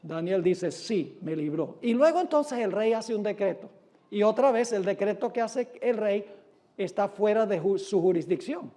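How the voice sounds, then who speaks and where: A man preaching a sermon who reads scripture aloud with dramatic, drawn-out emphasis and asks his listeners rhetorical questions. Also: high voice, lively intonation, warm tone.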